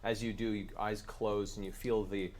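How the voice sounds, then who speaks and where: A man narrating as game master of a tabletop game, steady and descriptive with small fillers. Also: lowish voice, moderate pace, slight background noise.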